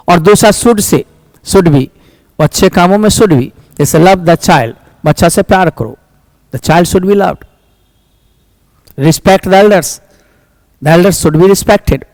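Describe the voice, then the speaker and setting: A man teaches English grammar for exams, his voice sitting high. He reads each example sentence out slowly and carefully, then rushes through the explanation. The sound is close and dry, with no room around it. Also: gravelly, a little mellow, no echo, poor audio. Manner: addresses students as "my child". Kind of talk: exam-prep grammar lesson.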